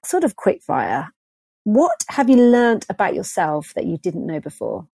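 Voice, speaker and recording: Chatty woman podcast host, mellow voice. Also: lowish voice, wildly swooping pitch, unhurried, vocal fry, breathy edge, no room sound, studio quality. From United Kingdom. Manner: chatty and encouraging, laughs often. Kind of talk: casual interview chat.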